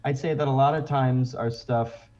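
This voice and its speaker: A man's voice: mid-range voice, fairly even intonation, normal speed, darkish tone, lo-fi sound. A man from the United States, a record label guest on a podcast, who talks hesitantly, searches for words and laughs nervously. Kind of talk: casual podcast interview.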